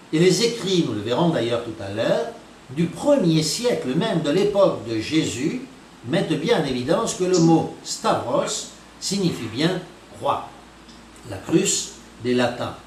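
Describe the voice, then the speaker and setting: A man's voice: on the high side, darkish tone. A man giving a teaching talk on scripture, emphatic and full of rhetorical questions, recorded from some distance in an echoey room. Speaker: preacher. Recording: echoey, from a distance, faint noise.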